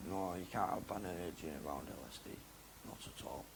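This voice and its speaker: This young man, a guest being interviewed, talks frankly and briskly in a gravelly voice with vocal fry. He rambles with plenty of slang, moving from loud, excited bursts to low mumbles over faint background noise.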